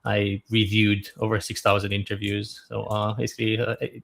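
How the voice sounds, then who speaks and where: A man in his thirties from Romania, a guest on a podcast interview, talking in a relaxed, thoughtful way with frequent fillers. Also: lowish voice, normal speed, creaky. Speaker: guest, startup founder.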